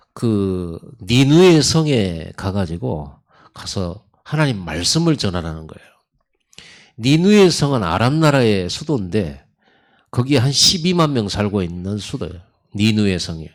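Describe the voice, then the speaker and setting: A man preaching a Sunday sermon, retelling Bible stories in a conversational, storytelling way. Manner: storytelling sermon with lively pitch swings; acts out God's and Jonah's lines in quotes. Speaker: pastor.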